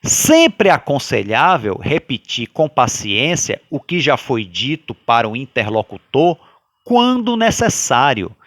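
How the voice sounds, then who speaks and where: A man with a Brazilian Portuguese accent leading a guided religious study, talking loudly by habit and often checking in with his listeners. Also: medium pitch, slow, dry recording. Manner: animated, sways between loud and soft. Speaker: study group leader.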